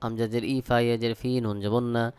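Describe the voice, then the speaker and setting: A Bangladeshi man teaching Quran reading, spelling out each letter slowly and then chanting the verses. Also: mid-range voice, flat delivery, a little mellow, clean tone, no echo, clean studio sound. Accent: Bangladeshi Bengali. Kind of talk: spelling out Quran recitation lesson.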